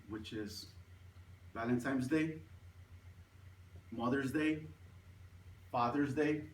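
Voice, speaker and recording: A man's voice: medium pitch, a little hiss or hum. A man in his forties giving an earnest prepared speech at a club meeting, often repeating words as he goes. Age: 40s. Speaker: club speaker. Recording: echoey room, mic far off.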